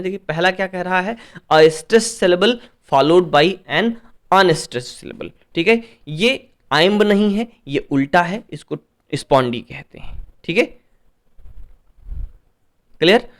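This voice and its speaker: Higher-pitched man tutoring an English exam paper. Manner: reads questions slowly, then explains in Hindi with frequent checks; corrects himself often. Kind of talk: exam paper solution lesson.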